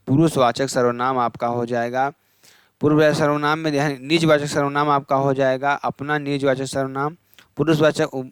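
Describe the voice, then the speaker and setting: Medium in pitch and clean in tone, this man's voice comes through with no echo. He's a Hindi exam-prep teacher rattling off lists in a revision session, quizzing the class with questions he answers himself before repeating the answers.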